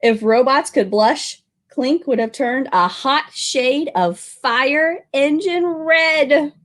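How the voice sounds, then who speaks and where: A children's librarian reads a picture book aloud to young listeners, expressive and drawing out her words. She has a high voice and reads slowly.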